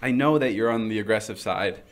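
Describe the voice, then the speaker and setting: A man hosting a podcast in casual chat, animated and laughing often. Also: on the low side, a little fast. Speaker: podcast host.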